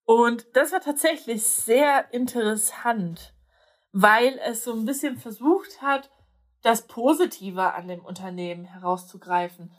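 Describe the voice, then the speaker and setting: Chatty young woman, slightly high voice. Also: a little slow. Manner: hesitant, many fillers and restarts. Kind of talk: casual chat.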